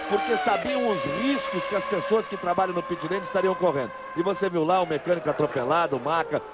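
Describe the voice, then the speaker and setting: A Brazilian man delivers emphatic live motorsport commentary in a high voice, often repeating himself. The broadcast sound is dull and lo-fi, with clear vehicle noise behind him. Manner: emphatic, repeats positions and phrases. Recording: dull, noisy old TV broadcast.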